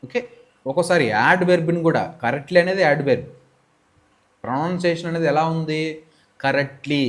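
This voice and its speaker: A man with a Telugu accent teaching English grammar, explaining step by step and often asking and answering his own questions. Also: fairly high pitch. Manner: reads example sentences slowly and deliberately. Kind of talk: grammar lesson.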